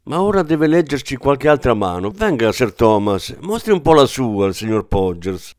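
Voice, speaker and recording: A man reading an audiobook, voicing a lively, teasing society hostess who exclaims and laughs easily. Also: mid-range voice, normal speed, no room sound, clean studio sound, natural voice.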